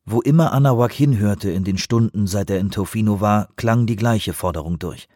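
A man reading a novel aloud as an audiobook narrator, in measured storytelling. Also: lowish voice, a little mellow, no echo, clean studio sound. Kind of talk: scripted narration.

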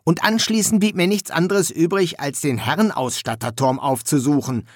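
In a studio-quality recording with no echo, a man voices a cheerful young male assassin fresh from his final exam, breezy and chummy. He speaks at normal speed, pitched on the high side, above his own voice but close to an everyday one.

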